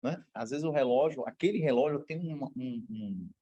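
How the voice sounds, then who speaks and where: A man's voice: medium pitch, normal speed, dark tone, lo-fi sound. A man from Brazil, a law professor, giving a university lecture in a casual, slangy way with anecdotes. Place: lecture room.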